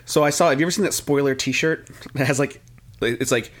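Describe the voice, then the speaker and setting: A man co-hosts a podcast in casual chat, rambling, joking, and now and then slipping into mocking movie-line voices. His medium-pitched voice is brisk and a bit bright, with a little hiss or hum in the audio.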